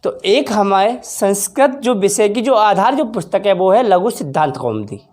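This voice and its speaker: A woman teacher giving a slow, careful exam-prep grammar lesson in Hindi, drawing out vowel sounds as examples and talking to viewers as friends. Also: mid-range voice, lively intonation, a little mellow. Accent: Hindi, from northern India. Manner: addresses viewers as friends, anticipates their questions.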